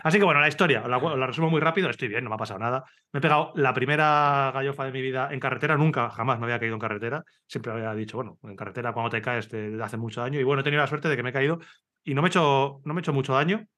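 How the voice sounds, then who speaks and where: A man from Spain, a podcast host, telling a comic story in casual chat, animated and laughing, swearing freely. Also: mid-range voice, racing. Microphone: video call.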